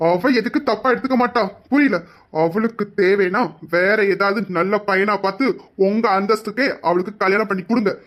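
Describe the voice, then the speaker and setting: A performer playing a young husband in an audio drama, hard and stern, laying down firm warnings to defend his wife. Mid-pitched and steady. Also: brisk, lightly acted. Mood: angry. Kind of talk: amateur Tamil audio drama.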